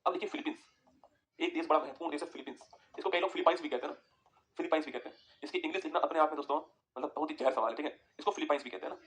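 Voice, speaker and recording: A man teaching a geography lesson over a map, talking quickly and repeating points for students to write down. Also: a little high, a bit bright. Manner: rapid, repetitive, tells students to write points down.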